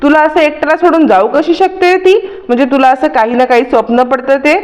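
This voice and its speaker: A woman's voice: sits high, a little fast, voice pushed up, natural voice. A woman voicing a doting middle-aged mother who gives mock-stern warnings in a soap recap. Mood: teasing stern.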